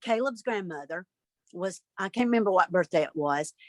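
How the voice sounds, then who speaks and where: A woman's voice: on the low side, animated, moderate pace, a little mellow. A woman, a guest telling stories in casual interview chat over a video call. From Alabama, USA. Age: 50s. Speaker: guest, mother of a host.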